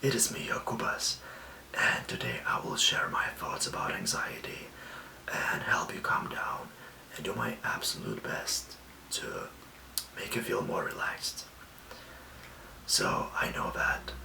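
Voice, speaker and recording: A young man from Lithuania, giving soft, reassuring self-care tips in a whispered ASMR talk. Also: deep voice, gravelly, echoey room, distant mic, low-quality recording. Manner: soft, slow and gently reassuring. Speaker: ASMR host.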